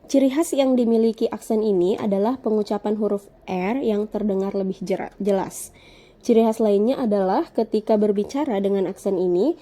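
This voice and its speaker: A woman lecturer giving a measured, explanatory scripted lesson narration. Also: mid-range voice, mellow.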